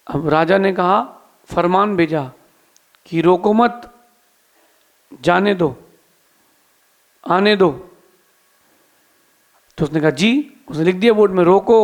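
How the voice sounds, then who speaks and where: A man's voice: high voice, creaky. A Jain monk giving a sermon, telling a story with acted-out dialogue and then advising his listeners directly.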